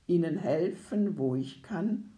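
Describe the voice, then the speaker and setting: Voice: mid-range voice, takes it slowly, mellow, lightly acted, rough recording. A reader voicing a loyal, tender-hearted young male servant in a literary audiobook, speaking fervently and with devotion.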